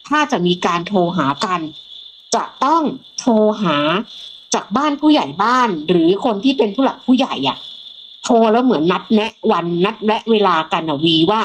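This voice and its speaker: A woman's voice: medium pitch, slight background noise, low-quality recording. Middle-aged woman telling a ghost story. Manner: lively, acts out the voices of people in her story. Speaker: guest storyteller. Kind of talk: telling a ghost story from her own life.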